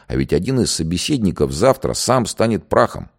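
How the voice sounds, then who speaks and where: A man narrates in a wry, expressive storytelling style. His voice is very deep and gravelly, with a lively, animated pitch that swings as he comments. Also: fairly quick. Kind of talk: storytelling commentary on a historical document.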